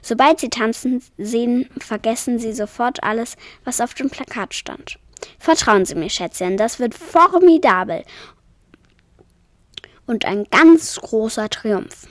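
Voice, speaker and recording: A smug, cold theater director, played by a woman reading aloud, talks down to everyone in a smooth, patronizing tone. This is a storybook reading, with a fairly high voice and a dry sound. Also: expressive, a little slow, no room sound.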